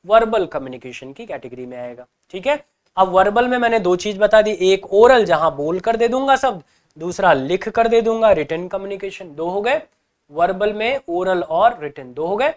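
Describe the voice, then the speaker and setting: A man's voice: high voice, lively intonation, moderate pace. A male teacher giving an exam-prep lecture, explaining with rhetorical questions and acting out everyday examples.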